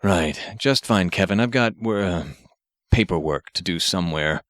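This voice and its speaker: A man's voice: low voice, a little slow, fairly bright tone, dry recording, clean studio sound, voice pushed down. A man voicing a rotund, worried, skeptical townsman who talks in a practical, doubtful way in an audiobook. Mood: nervous.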